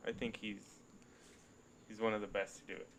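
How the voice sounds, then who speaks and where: A man's voice: on the low side, level tone, moderate pace, slight background noise. A nineteen-year-old man co-hosting a casual podcast, chatty and hedging a lot with "like" and "right?". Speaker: podcast co-host. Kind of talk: casual chat.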